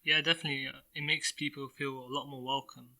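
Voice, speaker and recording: Earnest teen guy on a student podcast, really bright voice. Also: medium pitch, flat delivery, fast talker, poor audio. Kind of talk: casual discussion.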